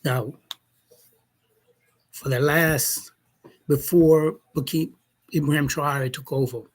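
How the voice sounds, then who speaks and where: This opinion monologue comes from a male commentator from Jamaica whose husky, somewhat rough voice runs on the high side with fairly even intonation. He talks very slowly, constructing his case with care and pressing hard questions on the people he takes aim at.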